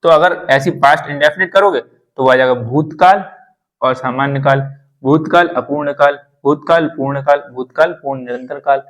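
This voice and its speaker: A man's voice: medium pitch, normal speed, poor audio. Man explaining English tenses, repetitive. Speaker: English teacher. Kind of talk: classroom grammar lesson.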